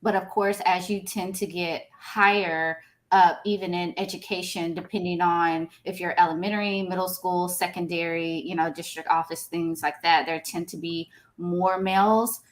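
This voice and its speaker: This is a woman answering as a panelist, her voice pitched a little low. She talks in a measured, reflective way, leaning on small fillers as she works out each point. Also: steady tone. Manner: measured and thoughtful, with frequent fillers.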